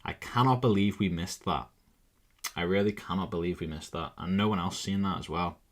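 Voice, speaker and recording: A young man with a somewhat low voice talks through a live stream in loose, casual commentary. He thinks aloud as he goes, sounds exasperated and swears freely. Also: fairly quick. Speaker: live-streaming forex trader.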